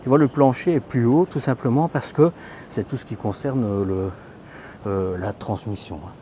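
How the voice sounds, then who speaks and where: Walking through camper vans at a huge indoor trade show with a handheld phone, a vlogger talks in a mellow, mid-range voice at a moderate pace. He's loose and chatty, addressing the viewer as "tu" with many fillers, and a little background noise comes through.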